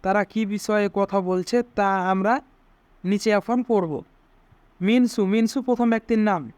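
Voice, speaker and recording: A man's voice: sits high, a little slow, darkish tone, no room sound. A man teaching pronunciation step by step, breaking each word into single sounds and repeating them. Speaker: language teacher. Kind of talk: slow step-by-step pronunciation lesson.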